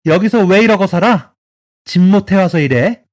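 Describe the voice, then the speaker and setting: A man voices an enraged, domineering older mother-in-law in a storytelling radio drama. The voice climbs high and loud as she scolds and shouts. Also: moderate pace, close to an everyday voice. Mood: scolding.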